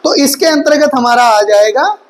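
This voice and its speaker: She is a woman with a high voice as a Hindi teacher running an online class for exam students. She sounds out each vowel for the class to repeat and keeps asking them rhetorical questions. She calls her students 'beta'. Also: expressive, normal speed, rough recording. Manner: drills pronunciation aloud, asks students rhetorical questions; addresses students affectionately as 'beta'. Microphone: recorded for mobile viewers.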